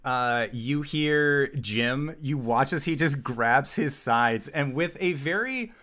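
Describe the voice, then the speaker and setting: A man working as game master, improvising scene narration in a halting way. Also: mid-range voice, expressive, pushed and bright. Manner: halting, piecing scenes together.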